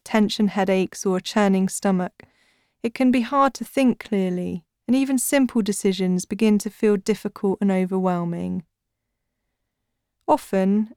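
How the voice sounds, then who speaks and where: A woman podcast host reading scripted guided relaxation in a soothing, measured manner, like a sleep story narrator. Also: medium pitch, a little mellow, clean tone, no echo, studio quality. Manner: soothing, measured, deliberate phrasing. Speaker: podcast host and author guiding breathing practices.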